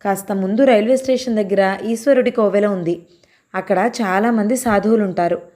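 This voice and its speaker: A woman's voice: medium pitch, moderate pace, a little mellow, lightly acted. A woman voicing a humble middle-aged male temple security guard who speaks in an imploring way, in an audio story. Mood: pleading.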